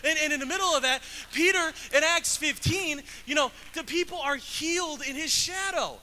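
A male pastor preaching a sermon in a lively, conversational way, with casual slang and acted-out quoted voices. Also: normal speed, slight background noise, poor audio. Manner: acts out quoted voices with big pitch jumps.

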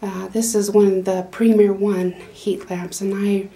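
A middle-aged woman walks through her small wooden goat barn on a handheld phone camera, talking casually and rambling with frequent fillers and restarts. Her medium-pitched voice is mellow, flat in delivery, and unhurried.

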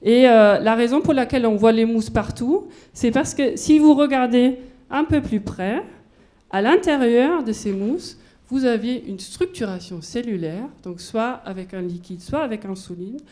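A woman's voice: a little high, normal speed, mellow. A woman in her forties with a German accent, a research physicist giving a conference talk, moving about and explaining with everyday examples. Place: university lecture hall. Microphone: handheld microphone.

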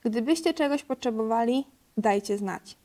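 A woman's voice: fairly high pitch, expressive, normal speed, warm tone, lightly acted. A woman reading a friendly goat host. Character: friendly male goat caretaker.

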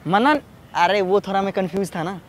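A man's voice: high voice, normal speed, noisy background. A man hosting a prank video, bantering teasingly in casual talk and repeating himself, recorded outdoors in a public place.

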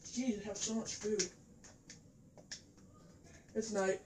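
In her living room, facing the TV, a woman offers casual gameplay commentary recorded on a camera. Her medium-pitched voice stays fairly even and moves at a slow pace. The audio carries a roomy echo, background noise, and the click of a controller.

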